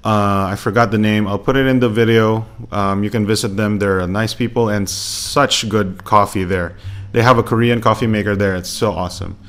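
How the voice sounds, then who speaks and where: A man with a slightly low voice chats through a gear review in a relaxed, rambling way. He trails off, restarts, and fills gaps with ums while speaking close to a desk microphone in a home room. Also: normal speed. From Philippines. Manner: rambling, many fillers and restarts. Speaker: tech reviewer. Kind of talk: casual unboxing commentary. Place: home room with laptop fan. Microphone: USB desk microphone held close.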